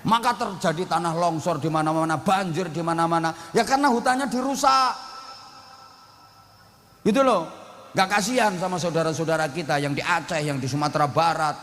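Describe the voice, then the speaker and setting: A man's voice: fairly high pitch, a little fast, fairly bright tone, big-room sound. A man with a Javanese accent preaching a humorous sermon, blunt and joking, speaking outspokenly to a gathering. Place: outdoor religious gathering.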